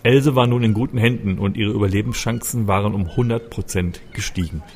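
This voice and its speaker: A man's voice: on the low side, fairly quick, darkish tone, a little hiss or hum. A man reading a story aloud, narrating expressively and with urgency. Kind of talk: audiobook narration. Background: faint music.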